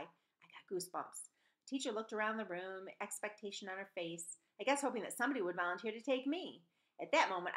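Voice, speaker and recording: A middle-aged woman with a lowish, fairly bright voice reads a children's novel as a storyteller, acting out the dialogue in altered voices. It's recorded indoors in a small room at home through a webcam or laptop microphone at desk distance.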